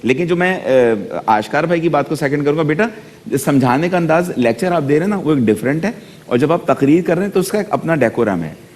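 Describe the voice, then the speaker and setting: A man judging a speech contest, giving measured advice with many hesitant pauses. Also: a little high, expressive, darkish tone. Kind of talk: critique on a studio panel. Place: TV studio. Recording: reverberant studio hall.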